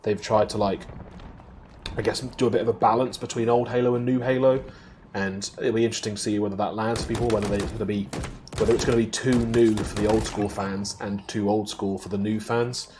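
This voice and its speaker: A man's voice: on the low side, little pitch movement, a little fast, background noise. A man co-hosting a live games show, chatting casually over gameplay footage, laughing often and restarting sentences with lots of ums. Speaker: co-host of weekly games show.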